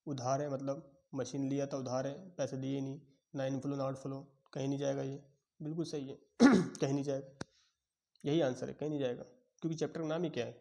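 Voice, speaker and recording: Mellow-voiced male commerce teacher. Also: mid-range voice, creaky. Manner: quizzing students, voicing their replies in Hinglish. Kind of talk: classroom lecture.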